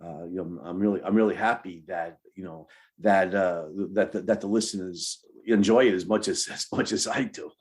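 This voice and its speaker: Interview guest: a man with a lowish voice who talks in hesitant, repetitive phrases. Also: steady tone, darkish tone. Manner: halting, repeats words while thinking. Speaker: novelist guest. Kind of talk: casual interview answers.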